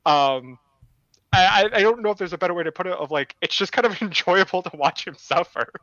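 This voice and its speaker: A man's voice: high-pitched, lively intonation, brisk, bright, forceful tone, no room sound, dull audio. A man co-hosting a casual comics podcast, rambling with lots of fillers. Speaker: podcast co-host. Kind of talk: casual chat about comics.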